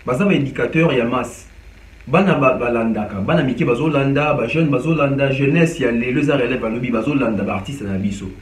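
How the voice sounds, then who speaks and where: A man's voice: mid-range voice, a little fast. A man from DR Congo, giving casual commentary on music news and mixing in Lingala with many hesitations. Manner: mixes French and Lingala, animated with frequent hesitations. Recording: echoey room, distant from mic.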